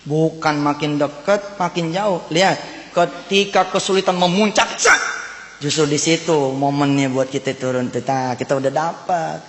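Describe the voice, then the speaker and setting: A man preaching a sermon, telling a story in an animated way and voicing its characters. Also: fairly high pitch, moderate pace. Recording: echoey hall with faint noise.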